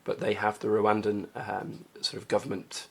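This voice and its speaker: A man with a hoarse voice from a cold, hosting a casual coin review vlog and talking chattily with many hesitations. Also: lowish voice, monotone, normal speed. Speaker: coin collecting channel host.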